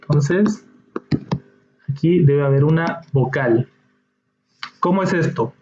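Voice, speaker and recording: A man's voice: fairly high pitch, takes it slowly, a little mellow, a little hiss or hum. A man teaching an English lesson, patiently explaining each step and checking in with his students. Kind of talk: slow classroom explanation. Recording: dull echoey room recording.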